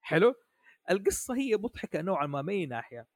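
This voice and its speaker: Man, casual podcast guest, slightly high voice, very dry close sound, halting delivery. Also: very animated, no room sound. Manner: hesitant, many restarts, asks "حلو؟" often. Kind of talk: casual chat about an anime.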